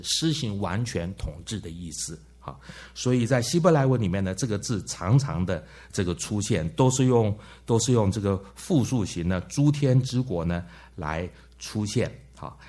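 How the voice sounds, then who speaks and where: A man lectures a Bible class, often asking his listeners questions and tagging his sentences with "ha". His voice sits a little low and sounds husky. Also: lively intonation, normal speed, a little mellow. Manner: frequent "ha" tag words and questions to the class. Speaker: Bible teacher.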